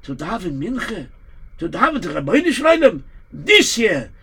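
A man voicing a humble, pious old rabbi who talks softly and sighs. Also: high voice, big pitch swings, measured pace, slight background noise, pitched above the performer's own voice, full character voice. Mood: lamenting. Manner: soft, sighing, lamenting. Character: pious elderly male rabbi, humble and sighing.

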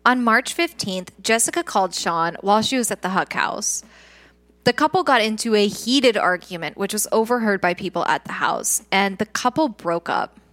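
Woman true crime podcast host reading a scripted story, mid-pitched voice. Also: expressive, moderate pace, fairly bright tone.

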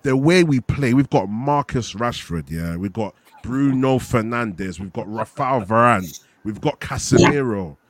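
A man's voice: mid-range voice, expressive, a little slow, few pauses, slight background noise. A young man with a London roadman accent, venting emphatically in slangy, casual football fan chat. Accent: London, urban street slang (roadman). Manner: slangy, emphatic venting with repeated tag questions.

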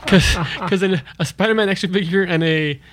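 A man co-hosting a casual podcast chat, telling things in a halting, excited, giggly way. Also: sits high. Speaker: podcast co-host. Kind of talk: casual chat about comic books.

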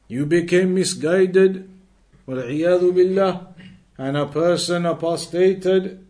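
This man's voice sits high and is a little mellow. As an Islamic teacher leading a live class, he teaches earnestly, repeating key phrases, reciting fluent Arabic, and pausing for answers after quizzing the students.

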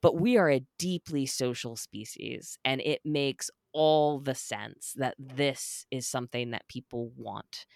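A woman's voice: extremely low pitch, a little slow, creaky, hardly any pauses, dry recording, clean studio sound. A woman guest on a podcast interview, talking animatedly and emphatically, often checking in with "right?". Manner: animated, emphatic, keeps tagging points with "right?". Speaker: guest, sex worker rights advocate.

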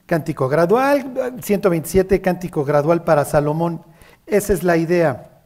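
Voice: medium pitch, normal speed, darkish tone. A speaker teaching a Bible study to a group, often checking that listeners follow and acting out the quoted passages. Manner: keeps checking in with listeners, acts out biblical quotes.

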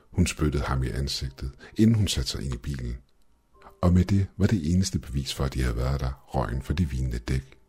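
A man narrating a first-person horror story in a measured, steady way. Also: very deep voice, husky. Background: faint background music.

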